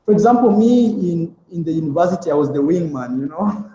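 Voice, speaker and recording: Telling stories as a guest in a laid-back interview, a young man from Kenya talks briskly in a slightly high, dark-toned voice, full of fillers and false starts. The highs are cut off, and the room is echoey with long reverb.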